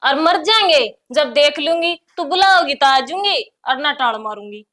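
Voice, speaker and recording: Woman doing a haryanvi daughter, very high voice, picking fights, bossy and loud. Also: expressive, moderate pace. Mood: angry. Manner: combative, scolding. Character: married daughter visiting parents, sharp-tongued, quarrelsome. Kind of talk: village family comedy drama.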